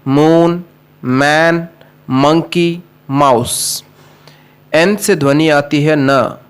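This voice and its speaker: A man teaching a phonics lesson at a very slow pace. He sets out each example word one at a time in a deliberate way. His voice is clear and smooth and sits a little on the high side.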